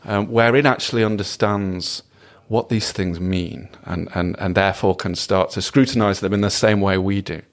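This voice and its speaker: A man's voice: lowish voice, steady tone, normal speed. A British man answering interview questions casually, thoughtful and hedging, with self-deprecating humour. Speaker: podcast guest, causal inference researcher.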